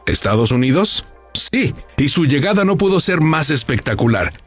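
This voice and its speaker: A man reading a scripted news feature as narrator, measured and polished. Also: a little high, very animated, breathy edge, dry recording. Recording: voice-over with faint music.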